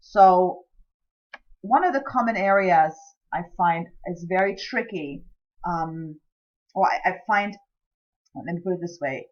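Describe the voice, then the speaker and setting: A woman with a lowish voice speaks slowly, pausing often, and the audio sounds dull. Her first language is German, and she teaches scientific writing in a chatty recorded lecture full of ums and self-deprecating asides.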